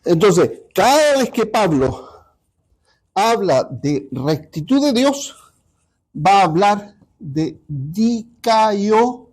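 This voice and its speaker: A man teaching a Bible study class, pausing often and checking in with his listeners. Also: high voice, sing-song, a little mellow, slightly rough. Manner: halting, repeats ¿ya? to check understanding.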